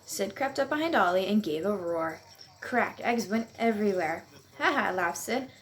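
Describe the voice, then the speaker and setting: A woman reading a children's picture book aloud at home, in a gentle, lively read-aloud voice. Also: mid-range voice, moderate pace. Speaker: storyteller. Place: at home on a couch.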